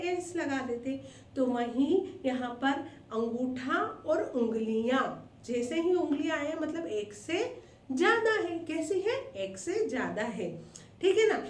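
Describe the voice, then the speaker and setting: A woman's voice: sits high, a little hiss or hum. A woman teaching a class of young children, asking them questions and repeating the answers. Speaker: primary school teacher. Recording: echoey room, voice from a distance.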